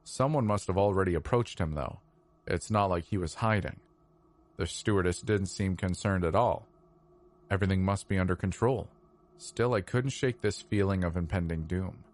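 A man narrating a first-person horror story in a slow, measured, somber way. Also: low voice.

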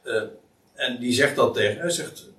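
A man's voice: medium pitch, moderate pace, pushed and bright. A man explaining a Bible passage in a hesitant, exploratory way, with frequent fillers and restarts. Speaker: Bible teacher. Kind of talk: explanatory Bible study talk. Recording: echoey room, distant mic.

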